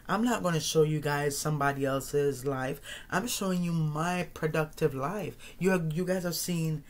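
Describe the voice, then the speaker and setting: A man in his thirties hosting his own podcast, talking casually to his audience in a rambling way, repeating phrases and restarting sentences often. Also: fairly high pitch. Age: 30s. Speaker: podcast host. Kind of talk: casual solo monologue.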